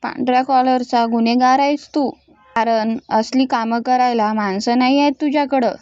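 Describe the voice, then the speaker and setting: Mocking male gangster boss, read by a woman, high voice, dry muffled sound. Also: fairly even intonation, moderate pace, a little mellow, no room sound, natural voice. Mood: taunting. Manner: taunting, boastful.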